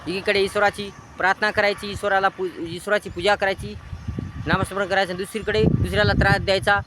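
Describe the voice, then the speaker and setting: A man's voice: high-pitched, flat delivery, quick pace, very noisy. A man giving a moral sermon, stacking short commands one after another. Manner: repetitive, list-like exhortation. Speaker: moral speaker.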